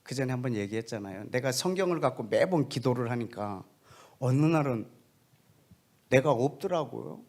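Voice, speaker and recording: A male missionary preacher telling a story in a sermon, putting questions straight to the congregation and often dropping into a soft, hushed voice. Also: mid-range voice, lively intonation, normal speed. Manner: addresses the congregation directly with questions.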